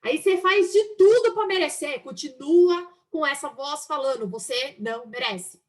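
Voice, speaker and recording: A woman teaching a class on a self-help book, acting out inner voices in an expressive, lively way. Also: sits high, normal speed.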